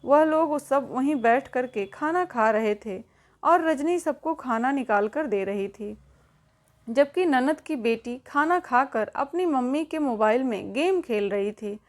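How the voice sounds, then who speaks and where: A woman's voice: high voice, lively intonation, unhurried. A woman telling a family drama as scripted narration, reading evenly and speaking the characters' lines herself. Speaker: storyteller.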